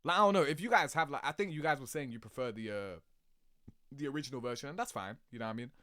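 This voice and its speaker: Talking fast in a sharp, mid-range voice, a young gaming host gives slangy reaction commentary full of swearing and repeated "you know what I mean" tags. The recording is dry and studio quality.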